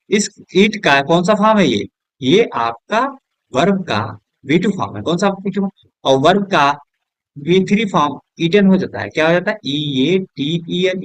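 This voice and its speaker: A man with Hindi-accented English, teaching a lesson at a board, asking questions and answering them himself, softer and lower on each answer word. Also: no room sound. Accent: Hindi-accented English words. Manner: drops low and soft on the answer words; keeps checking with "is that clear?".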